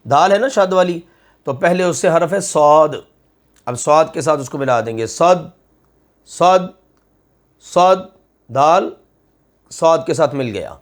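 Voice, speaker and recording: A middle-aged man teaching Quran recitation step by step, patiently drawing out each example word. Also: on the high side.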